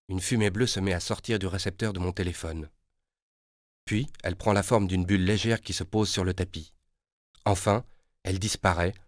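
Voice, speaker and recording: A man narrating a children's audiobook in a lively storytelling manner, recorded on a close studio mic. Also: deep voice, no echo.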